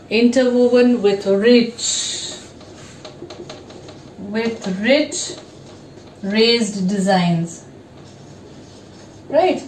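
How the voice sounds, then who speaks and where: Female teacher, 40s, fairly high voice, slow explanatory pace, echoey classroom recording. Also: a little mellow. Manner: slow, explanatory, asks questions and answers them. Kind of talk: whiteboard revision lesson. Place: classroom with whiteboard, indoors. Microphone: fixed camera mic, moves toward and away from it. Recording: echoey room, faint background hiss.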